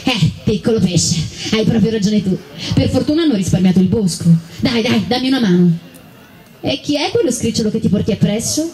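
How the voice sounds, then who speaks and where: A woman voicing Peter, a gruff but kindly old woodcutter who teases and grumbles. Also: on the high side, fairly quick, a little mellow, natural voice. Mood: teasing. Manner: teasing, grumbling.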